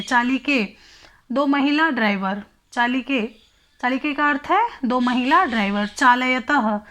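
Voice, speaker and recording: A woman teacher with a high voice who explains a textbook lesson at an unhurried pace. She says each word twice and gives its meaning, filling the gaps with soft hums. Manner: slow, repeats each word and its meaning, fills pauses with hums. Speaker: Sanskrit teacher.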